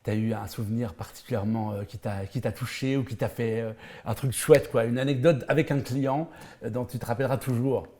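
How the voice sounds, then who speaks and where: A man's voice: medium pitch, fairly quick. A male TV host doing an enthusiastic, playful interview, joking with his guests. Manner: lively, jokey, playful. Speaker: TV show host. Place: outdoors at a country guesthouse.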